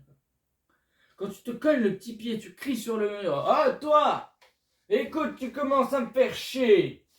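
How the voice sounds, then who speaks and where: A man's voice: on the high side, a little mellow, far from the mic. A young man vlogging casually to his viewers, chatty and self-mocking, recorded in an echoey room some way from the mic. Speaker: YouTuber. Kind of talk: casual vlog talking to viewers.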